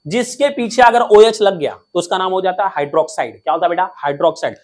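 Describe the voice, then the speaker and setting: A man teaching a lesson in a playful, energetic way, quizzing students with call-and-response questions and cracking jokes. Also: high voice, fast. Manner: jokey, drops rhymes and mnemonics.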